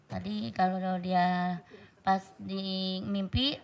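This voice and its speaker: A middle-aged woman, the mother of a guest, explains things plainly and haltingly on a talk show. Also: mid-range voice, steady tone, creaky. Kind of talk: casual chat. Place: TV studio.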